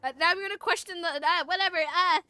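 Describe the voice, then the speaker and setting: Her very high, sharp voice moves fast with fairly even intonation and no echo. She's livestreaming a game, bantering playfully, getting flustered and stammering, with music in the background.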